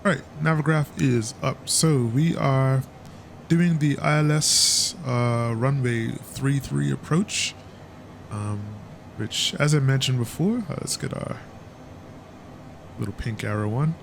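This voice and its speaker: Man, flight sim commentary, chatty, filler words, steady engine hum in background. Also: medium pitch, slow pace, gravelly. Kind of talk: casual gameplay commentary.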